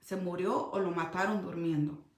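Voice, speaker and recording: A woman's voice: fairly low pitch, normal speed, reverberant. A woman pastor giving an earnest sermon, recounting a dream as testimony. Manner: earnest storytelling preacher.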